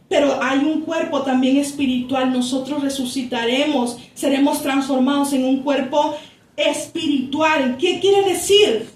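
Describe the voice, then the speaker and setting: A woman pastor preaching a sermon, slowly reading scripture aloud and explaining it to her congregation, calling them brothers. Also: high voice. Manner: slow, deliberate reading that stretches key words, with asides to the congregation. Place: church. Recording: echoey church room, voice from a distance.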